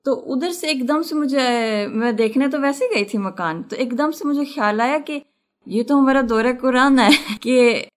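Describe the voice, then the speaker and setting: Woman from the class sharing her thoughts, earnest, explains through a simple everyday comparison. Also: high-pitched. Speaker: student in the class. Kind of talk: sharing a personal reflection.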